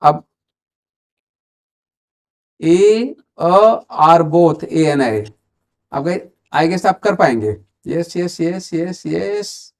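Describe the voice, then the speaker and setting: A man's voice: on the high side, extremely slow, gravelly, pauses often. A man with an Indian accent teaching English grammar online, mixing Hindi and English and quizzing viewers while he waits for their answers. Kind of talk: online exam-prep grammar lesson.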